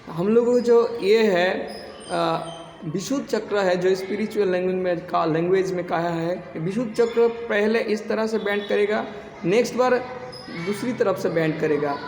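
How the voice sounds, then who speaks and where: A man teaching yoga in a casual, halting way, with many restarts and some throat clearing. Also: sits high, darkish tone, echoey room, big-room sound, slight background noise. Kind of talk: casual spoken instruction.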